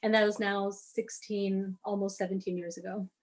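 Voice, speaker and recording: A woman's voice: mid-range voice, flat delivery, moderate pace. A woman in her forties from the Washington, D.C. area, telling her family story in a casual, tentative way with frequent fillers. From United States, D.C. area. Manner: tentative, many fillers, warm laughs. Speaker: podcast guest sharing her story.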